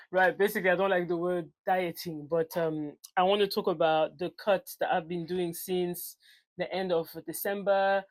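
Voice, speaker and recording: A personal trainer in her forties who grew up in France talks casually to camera, speaking English with a French accent tinged with African tones. She is chatty, loose and unscripted, full of fillers and correcting herself as she goes. Her voice is fairly low, steady in tone and moderately paced.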